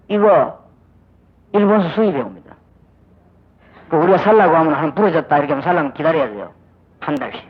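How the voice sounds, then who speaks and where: An older man preaching a sermon as pastor, with a Gyeongsang accent and emphatic delivery, acting out little dialogues. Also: a little high. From Busan, South Korea. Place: church sanctuary. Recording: dull old audio recording.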